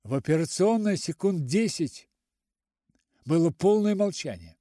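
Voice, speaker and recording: A man narrating an audiobook in a slow, measured, intense storytelling manner. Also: a little high, expressive, warm tone, no echo, studio quality.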